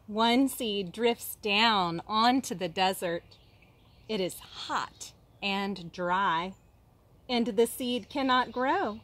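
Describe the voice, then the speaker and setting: A woman with a medium-pitched, fairly bright voice reads a children's picture book aloud in the manner of a kindergarten teacher. She reads expressively, using dramatic pauses and asking questions of her young listeners.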